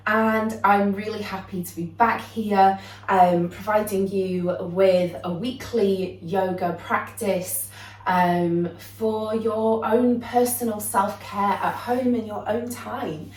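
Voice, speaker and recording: Calm yoga teacher, slightly distant. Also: female voice, medium pitch, takes it slowly. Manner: calm, explanatory, with frequent "um" fillers. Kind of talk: yoga lesson introduction. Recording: roomy echo, voice a bit off-mic.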